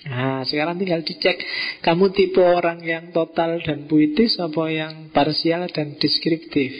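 Gravelly Javanese-accented man lecturing. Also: fairly high pitch. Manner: folksy, joking asides, mixes in local words. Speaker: philosophy lecturer. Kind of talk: relaxed philosophy lecture. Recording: muffled lo-fi recording.

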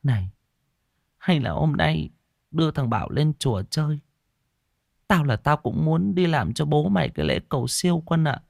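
Man doing a shrill old grandma, frantic and scolding, high strained voice, lively swings, dry close sound. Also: moderate pace, gravelly, long pauses, no echo. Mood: tender.

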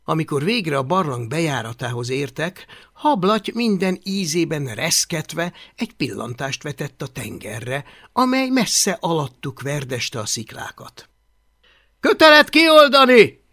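A man narrating an audiobook in an expressive storytelling manner. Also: on the high side. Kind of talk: scripted narration.

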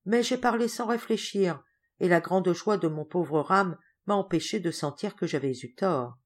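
A woman voicing a kind young girl who speaks gently and apologetically. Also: fairly low pitch, normal speed, lightly acted. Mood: gentle. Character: young girl, kind, timid before her uncle.

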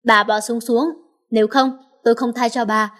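A woman voicing a young man, a wounded, protective and jealous lover who speaks cold to enemies and gently to his girl. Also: on the high side, flat delivery, moderate pace, lightly acted. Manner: cold, then tender and teasing.

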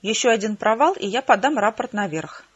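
Audiobook bit part: woman reads a blustering, easily cowed army major, husky, muffled audio. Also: sits high, lively intonation, fairly quick. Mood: grumbling. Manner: grumbling, then bleating and stammering. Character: nervous, blustering middle-aged male army major.

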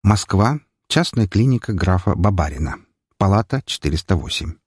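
Guy reading an audiobook, husky low voice, lively delivery, dry recording. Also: moderate pace, no room sound. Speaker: narrator. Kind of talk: audiobook narration.

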